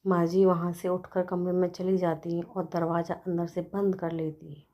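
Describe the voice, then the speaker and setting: A woman's voice: lowish voice, flat delivery, moderate pace, dark tone. Woman storyteller reading a family tale.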